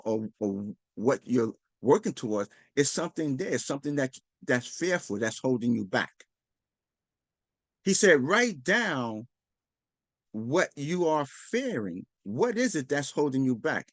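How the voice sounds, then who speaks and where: A man's voice: medium pitch, no room sound. A man hosting a casual motivational talk, earnest and rambling, often restarting his sentences and acting out quoted dialogue. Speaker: host.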